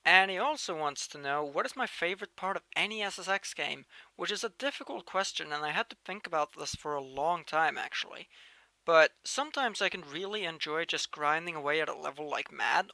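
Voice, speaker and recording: A man's voice: a little high, vocal fry, dry recording. A young man from Norway in his late teens, casually answering viewer questions as a channel host, with frequent restarts and bursts of emphasis. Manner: chatty, restarts phrases, lively shifts in loudness. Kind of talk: casual Q&A monologue.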